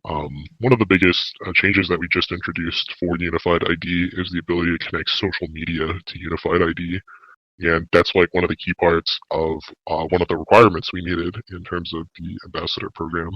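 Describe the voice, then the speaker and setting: Male developer guest, voice run through a low pitch-shifting changer; steady, filler-heavy explaining, muffled dry recording. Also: husky, no echo. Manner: even, steady explaining with many filler uhs. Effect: deep pitch-shifting voice changer. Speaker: lead developer guest on a podcast. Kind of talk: casual podcast update.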